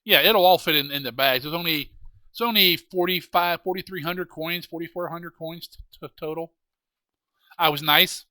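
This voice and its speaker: A man's voice: a little high, moderate pace, pushed and bright, no echo. A man running a tabletop game as game master, talking casually and bluntly with some teasing and swearing.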